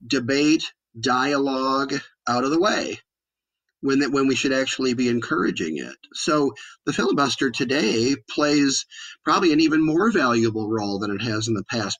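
American male expert guest, medium pitch, emphatic and halting political explainer. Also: a bit bright, rough recording.

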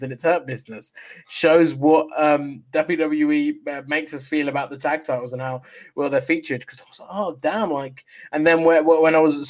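A man hosting a wrestling news show in a casual, chatty style, often halting and restarting his sentences. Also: on the high side.

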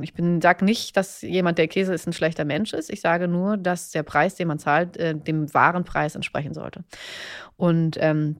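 A woman from Berlin chats as a guest on a podcast. Her voice sits a little low and sounds close and dry. She speaks candidly, with many fillers and restarts. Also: no echo. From Germany, Berlin. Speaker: guest musician. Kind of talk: casual interview.

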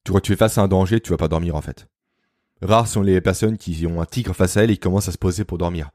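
Fast-talking man with a deep voice. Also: a little mellow, dry recording, clean studio sound. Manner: fast, didactic, addresses the listener informally. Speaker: guest explaining health topics. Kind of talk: explanatory podcast talk.

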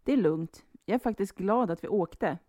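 A woman's voice: mid-range voice, dark tone, dry recording, studio quality, pitched above the performer's own voice, close to an everyday voice. A woman voicing a young pregnant woman in an audio drama, tense and breathless. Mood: affectionate. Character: young pregnant woman, anxious but loving. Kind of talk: amateur audio drama acting.

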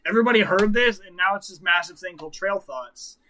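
A man's voice: high-pitched, fast talker, a loud crowd. A man narrating a tabletop role-play game as game master, playful and often laughing.

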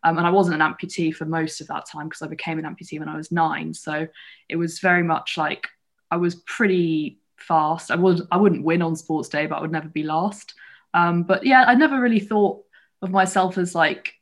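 A woman's voice: low-pitched, steady tone, moderate pace. A woman in her twenties with a southern English accent, talking casually as a guest in an interview. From England, grew up in London and Bath. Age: 20s. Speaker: podcast guest, athlete. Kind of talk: casual chat.

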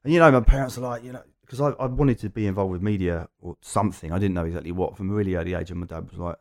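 A man's voice: low voice, very fast. A man with an Essex accent telling anecdotes in a casual chat, in a rambling, jokey way. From Essex, England. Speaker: podcast guest.

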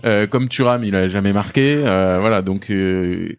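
A man's voice: lowish voice, unhurried, clean tone. A man discussing football casually as a pundit on a panel.

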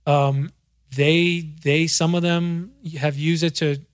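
A man's voice: a little high, little pitch movement, slow, clean tone, dry recording, clean studio sound. A man hosting a DJ podcast in casual chat, loose and profane, often restarting his words. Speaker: podcast host and DJ.

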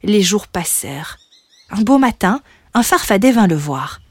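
A woman narrating a children's storybook in an expressive, playful way. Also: medium pitch, measured pace, no room sound. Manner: expressive, playful with sound words.

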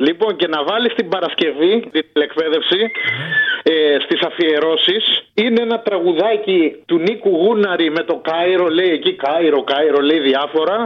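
A man's voice: fairly high pitch, highs cut off. A man calling in to a radio show, chatty and specific about what he wants. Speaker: caller. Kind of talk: casual phone-in request.

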